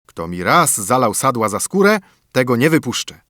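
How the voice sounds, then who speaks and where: A man's voice: medium pitch, sing-song, moderate pace, no echo, clean studio sound. Man doing a bold young lad. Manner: raised, bright, earnest voice. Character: bold, clever young male student, a son.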